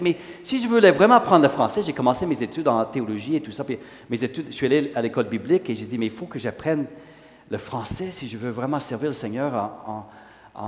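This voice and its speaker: A man in his sixties from Western Canada, a pastor whose first language is English, giving an animated sermon testimony full of "là" fillers. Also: medium pitch. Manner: animated, rising in emphasis, frequent "là" fillers. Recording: long hall reverb.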